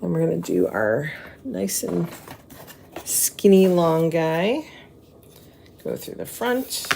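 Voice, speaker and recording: A woman's voice: on the low side, very animated, slow, creaky, background noise. A woman hosting a casual craft tutorial, chatting to viewers and muttering to herself as she works, with slurred, slushy s sounds. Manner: chatty, mutters to herself and to the materials while working.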